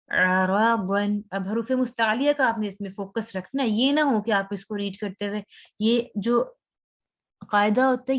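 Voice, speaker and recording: A woman teaches recitation at a slow, unhurried pace. She explains patiently and stretches each example word out long. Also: mid-range voice. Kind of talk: online tajweed lesson.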